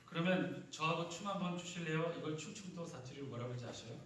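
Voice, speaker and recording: Korean pastor guy preaching, chatty, asks the crowd stuff, slightly high voice, big echo in the church. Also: fast, a bit bright, a little hiss or hum. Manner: conversational, asks the congregation questions and repeats their answers; mimics regional dialect words playfully. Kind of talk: sermon. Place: church sanctuary. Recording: very echoey hall, mic at a distance.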